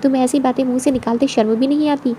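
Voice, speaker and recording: A woman voicing a proud housewife, kind but quick to take offence. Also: sits high, fairly even intonation, a little hiss or hum, natural voice. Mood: indignant. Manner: firm, sharp when insulted.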